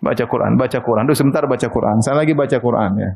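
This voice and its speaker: A man's voice: medium pitch, very fast, creaky, darkish tone. A middle-aged Indonesian man giving a sermon as an Islamic preacher, telling stories with frequent "ya" asides and light laughter.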